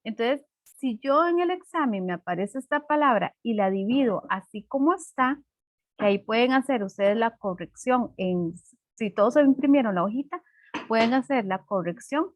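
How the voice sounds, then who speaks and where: A woman's voice: on the high side, expressive, no echo. Patient woman teacher. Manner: patient, explains slowly with many "¿verdad?". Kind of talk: online class lesson.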